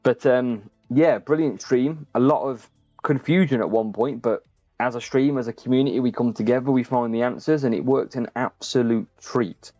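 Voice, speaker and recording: Speaking at a moderate pace in a mellow, medium-pitched voice, a man hosts his gaming channel's live stream, casually commentating and addressing viewers by name. The recording is dry yet muffled and lo-fi, with faint background music.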